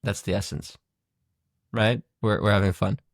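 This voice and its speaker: A man's voice: fairly low pitch, fairly even intonation, moderate pace, vocal fry, no echo, studio quality. A man co-hosting a podcast in casual chat, thoughtful and musing as he talks. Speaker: podcast co-host.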